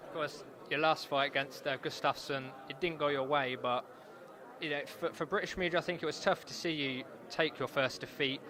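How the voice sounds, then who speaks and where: A man's voice: a little high, steady tone, moderate pace. A man working as an interviewer, asking conversational questions about sport. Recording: crowd chatter behind, urban venue.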